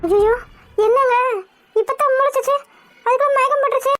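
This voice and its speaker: Anxious cartoon housewife, motherly and fussing, voiced by a woman; very high pitch, dry. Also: brisk, a bit bright, no echo. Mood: worried, caring. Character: caring middle-aged village housewife, anxious. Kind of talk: cartoon voice acting.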